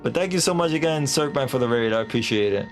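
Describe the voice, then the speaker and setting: A man's voice: medium pitch, animated, fast, soft background music. A man live-streaming a game, chatting casually and animatedly with viewers, laughing and swearing offhand.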